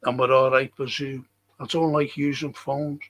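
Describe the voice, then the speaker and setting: This English livestream host, a man with a Liverpool accent, reads out viewer comments in casual commentary, rambling and repeating phrases for emphasis. His voice is medium in pitch and a bit bright, with a level tone at a normal speed.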